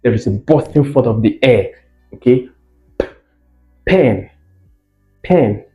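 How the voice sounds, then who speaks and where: A slow-paced man with a mid-range voice explains a lesson in a didactic manner, repeating key words for emphasis and asking questions. The clip sounds muffled and echoey, with music faintly audible behind him.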